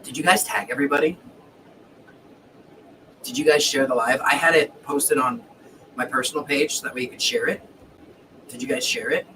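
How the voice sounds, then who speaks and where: A man hosting a casual livestream who rambles and corrects himself as he goes, swearing now and then, while fighting the hiccups. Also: a little high. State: has the hiccups. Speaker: livestream host. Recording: distant mic with faint background noise.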